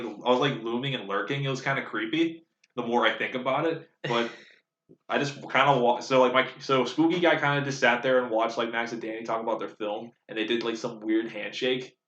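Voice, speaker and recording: A man's voice: medium pitch, fairly bright tone. Rambling young man, echoey lo-fi podcast. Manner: rambling storytelling full of fillers. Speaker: podcast co-host. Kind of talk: casual chat. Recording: roomy, dull lo-fi sound.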